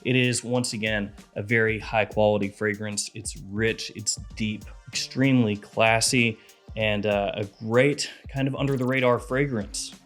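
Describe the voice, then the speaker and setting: Unhurried and fairly low-pitched, a thirtysomething man nursing a head cold chats his way through a casual fragrance review video. Soft music plays in the background of the small room lined with lit bottle shelves, and he talks animatedly, hands in motion.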